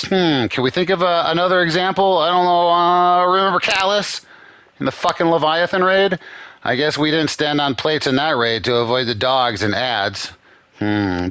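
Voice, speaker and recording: A man's voice: fairly low pitch, pushed and bright, dry recording. A man hosting a gaming channel, ranting in sarcastic, profane commentary.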